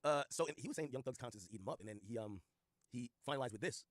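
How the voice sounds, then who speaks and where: A man's voice: medium pitch, lively intonation, racing, dry recording. A man hosting a reaction video, explaining and reacting to the clip. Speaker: reaction host. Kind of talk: reaction commentary.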